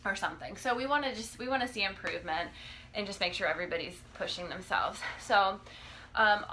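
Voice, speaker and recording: Bright-voiced woman coaching exercise, noisy recording. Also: mid-range voice. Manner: halting, instructional, checks in with "okay". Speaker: fitness coach demonstrating exercises. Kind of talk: casual exercise demonstration. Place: living room, indoors. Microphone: phone or camera a few feet away. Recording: noisy home video, phone mic.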